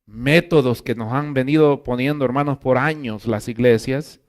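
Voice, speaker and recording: A man preaching a sermon as pastor, emphatic, rising to loud exclamations and dropping to quiet asides, often calling his listeners brothers. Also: mid-range voice, moderate pace. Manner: keeps addressing listeners as brother.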